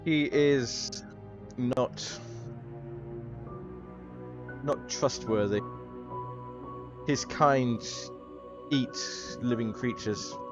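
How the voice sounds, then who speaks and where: A man playing a stern, reluctant train conductor in a tabletop game, speaking in a deliberate, halting way. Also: mid-range voice. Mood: stern, wary. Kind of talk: tabletop game character acting. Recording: dull recording with background music.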